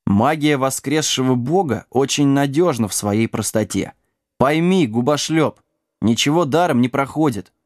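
A man's voice: medium pitch, expressive, moderate pace, no room sound, studio quality, natural voice. A man voicing a bossy, sarcastic middle-aged male sorcerer in an audiobook. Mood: stern. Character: gruff, mocking male sorcerer of middle age. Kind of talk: audiobook character voice.

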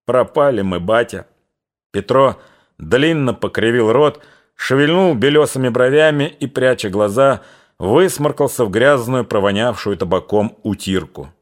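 This is scripted literary narration: a man of medium pitch reading a classic novel for an audiobook. He tells the story in a calm, evenly measured way.

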